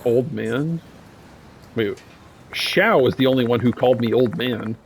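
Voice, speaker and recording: A man's voice: mid-range voice, normal speed, noisy background. A young man casually playing a horror game, reading its text aloud and joking with slang between lines. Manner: casual, joking, says "dude" and "bro". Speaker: gameplay streamer.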